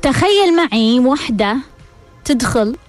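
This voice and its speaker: Female talk-radio host, high voice, reflective, storytelling, faint music bed. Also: animated, unhurried. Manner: rhetorical, repeats key phrases, storytelling.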